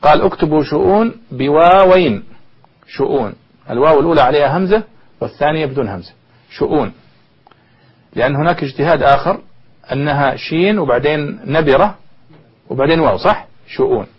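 Brisk male lecturer, husky and a bit high, keeps firing questions at the class. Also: expressive. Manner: quizzes listeners with rhetorical questions. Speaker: university lecturer. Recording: dull lo-fi recording.

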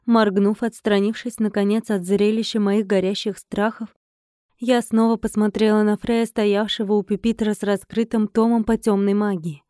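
Young woman narrating an audiobook, dark-toned. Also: medium pitch, little pitch movement, normal speed, dry recording, studio quality. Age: 20s. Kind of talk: first-person fantasy audiobook narration.

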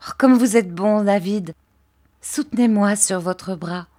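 A woman voicing a frail, childlike young wife who speaks softly, eagerly and with great affection. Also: mid-range voice, measured pace, lightly acted. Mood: tender. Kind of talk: audiobook character voice.

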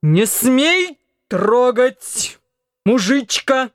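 A woman reading an audiobook, voicing a drunk, rowdy young male naval cadet who shouts hoarsely and chants in a slurred sing-song. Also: mid-range voice, drawn-out words, dry recording, studio quality. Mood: drunken bellowing.

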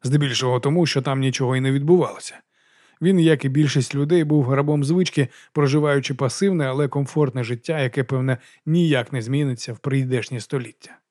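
A man's voice: mid-range voice, a little fast, no echo. Male audiobook narrator, dry close sound. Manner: steady storytelling delivery. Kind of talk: scripted narration.

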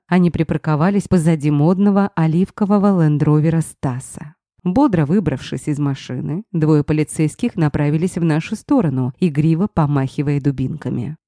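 A woman reads a first-person story aloud, telling it expressively. Her voice sits low and mellow, and the recording is close and dry. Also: dry recording. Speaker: audiobook narrator.

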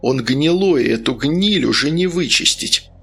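A man's voice: mid-range voice, animated, moderate pace, vocal fry, sharp tone, slightly rough, soft background music, full character voice. A man voicing a stern, cruel male sorcerer who coaxes and orders in an audiobook. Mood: stern, persuasive. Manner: stern, coaxing, harsh barks.

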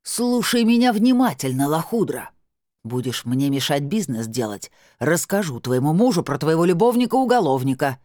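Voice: mid-range voice, big pitch swings, normal speed, darkish tone, no echo, clean studio sound. A reader voicing a drunk, coarse middle-aged woman who shrieks slurred abuse. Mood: shrieking abuse. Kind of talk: audiobook character voice.

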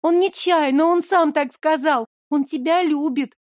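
A woman's voice: high-pitched, measured pace, dry recording, clean studio sound, pitched above the performer's own voice. A woman voicing a timid, tearful young woman who pleads in a flustered way. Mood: insistent. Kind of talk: audiobook dialogue.

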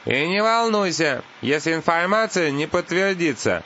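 A man's voice: a little high, animated, normal speed, bright, forceful tone, slight background noise, voice pushed up. A man voicing a scheming male lawyer who talks in a sly, coaxing way. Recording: dull lo-fi audiobook.

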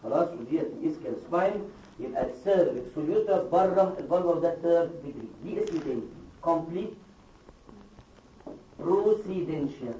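A man with an Egyptian Arabic accent giving a classroom lecture, explaining step by step and quizzing his students with quick questions. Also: a little high, lively intonation, dark tone, recorded from a distance, slight background noise. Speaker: medical lecturer. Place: lecture hall. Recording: echoey hall, taped from afar.

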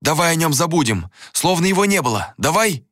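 A man voicing an anxious, loyal young friend who pleads and shouts in a strained high voice. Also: sing-song, brisk, dry recording, clean studio sound. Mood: pleading. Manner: pleading, frantic, shrill when shouting.

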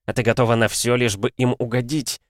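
A man's voice: mid-range voice, level tone, fairly quick, no echo, clean studio sound, pitched above the performer's own voice, natural voice. A man voicing a scheming male alchemist in an audiobook, talking in a sanctimonious, theatrical way. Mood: sly.

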